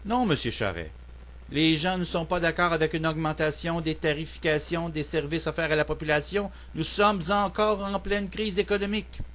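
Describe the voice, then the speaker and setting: Here the citizen commentator's voice sits a little high and sounds sharp, moving at a moderate pace. Hailing from Quebec, Canada, and speaking with a Québécois French accent, he declaims his prepared political monologue formally and earnestly.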